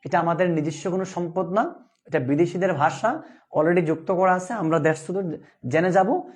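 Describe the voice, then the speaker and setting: A man's voice: high voice, normal speed. A man with a Bangladeshi Bengali accent teaching an online English class, asking questions and answering them himself, and chanting letter lists in a sing-song rhythm. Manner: drills students with repeated call-and-response questions. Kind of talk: live online class lecture.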